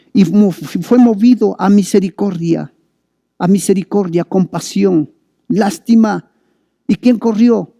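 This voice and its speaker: A man's voice: high voice, gravelly, mellow, no echo, studio quality. A male preacher giving a sermon to listeners, urging them on with fervent, repeated calls. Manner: fervent, repetitive exhortation.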